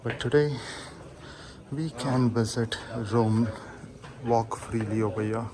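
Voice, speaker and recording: A man's voice: mid-range voice, slow pace, a crowd in the background. A man giving casual travel vlog narration as he tours a site. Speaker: travel vlogger. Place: at a large temple site. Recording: clear background noise, outdoor ambience.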